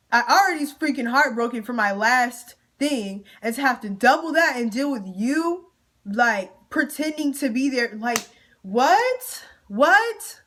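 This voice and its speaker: A woman's voice: a little high, fairly bright tone. A young woman venting in a storytime vlog, emotional and close to tears at times, talking straight to her viewers with casual slang. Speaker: vlogger.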